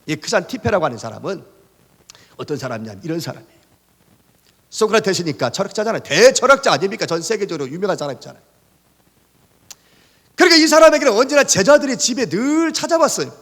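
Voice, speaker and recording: Male pastor, high husky voice, lively storytelling sermon, long church-hall echo. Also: fast, pauses often. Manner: animated storytelling with rhetorical questions to the congregation. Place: church sanctuary.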